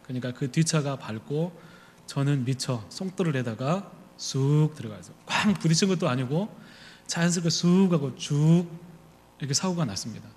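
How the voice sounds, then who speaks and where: A male pastor delivers a sermon in a slightly high voice. He tells stories and voices his own inner thoughts along the way. A long reverb hangs on his words, as in a church hall. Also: animated, normal speed, a little mellow. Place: church sanctuary.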